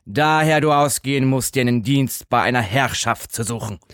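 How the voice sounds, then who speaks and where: A man's voice: medium pitch, normal speed, fairly bright tone, smooth, dry recording, studio quality, close to an everyday voice. A man voicing a cold, greedy stepmother in a storybook reading, scolding harshly.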